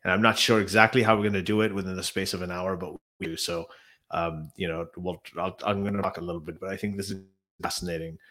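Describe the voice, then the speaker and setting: A man hosting a casual live discussion, explaining in a halting, conversational way while slightly under the weather. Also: low-pitched, steady tone, bright, forceful tone. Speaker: podcast host.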